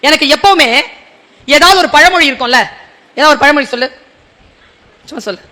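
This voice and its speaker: High, bright-voiced man giving a rousing speech. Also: fairly quick. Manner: rhetorical, quizzes the audience directly; acts out short dialogues in between. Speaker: motivational speaker addressing students. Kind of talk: public motivational speech.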